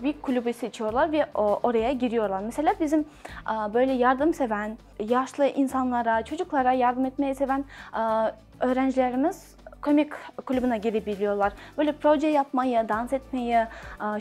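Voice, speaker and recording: A young woman student presenting in halting, broken, Turkish. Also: sits high, darkish tone. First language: not Turkish. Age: young adult. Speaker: university student. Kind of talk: presentation to camera.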